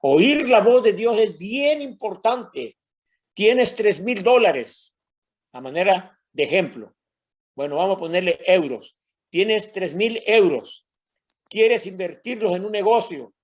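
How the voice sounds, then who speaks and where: An older man from Mexico, a pastor, addresses his congregation as brothers while telling a personal story in a sermon. He speaks with a Mexican Spanish accent, and his voice sits high, animated but slow-paced.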